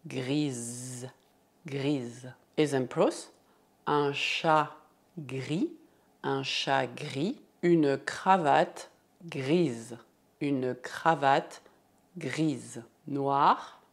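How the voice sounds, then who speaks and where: A woman teaching French in a lesson, saying each word twice and slowly drilling repeat-after-me examples. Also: extremely low pitch.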